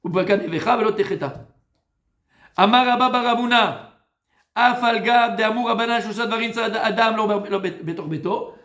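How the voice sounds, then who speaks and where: A high-voiced rabbi teaches a casual Talmud class to a live audience, speaking a little fast. He's familiar and teasing, calling listeners "Habibi" and shifting between loud urging and soft coaxing. The room is strongly reverberant, giving the recording a heavy echo.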